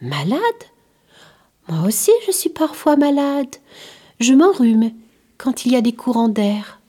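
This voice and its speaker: A woman's voice: on the high side, sing-song, takes it slowly, mellow, exaggerated voice. A woman voicing a curious, innocent young boy in a storybook reading, asking eager questions. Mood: wondering.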